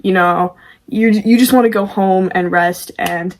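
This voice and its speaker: Female amateur vocalist as tutorial host: informal, self-deprecating, medium-pitched, conversational delivery. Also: steady tone, unhurried, low-quality recording. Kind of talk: casual video tutorial.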